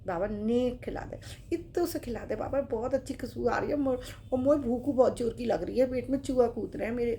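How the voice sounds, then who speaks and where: A woman voicing the child Krishna as a small, playful herd boy, calling and coaxing in a high voice. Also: fairly quick, hardly any pauses, slight background noise, close to an everyday voice. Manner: high, loud, coaxing calls.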